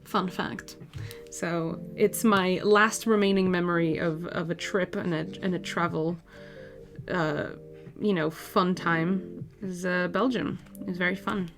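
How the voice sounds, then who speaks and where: A woman's voice: lowish voice, steady tone, a little slow, faint music behind. A woman in her twenties, from Portugal, chatting casually with viewers on a live stream while she draws, laughing easily as she answers messages. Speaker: art streamer.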